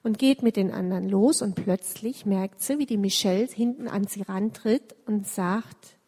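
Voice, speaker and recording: A woman's voice: mid-range voice, moderate pace. Woman telling a story in an echoey hall. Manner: lively, addresses children directly. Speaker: children's storyteller. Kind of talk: children's story in church.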